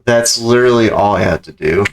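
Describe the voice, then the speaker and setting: Signing off a livestream over background music, this game streamer talks casually in a rambling, slangy way. His voice is on the low side and fairly quick, and the audio is poor with slight background noise.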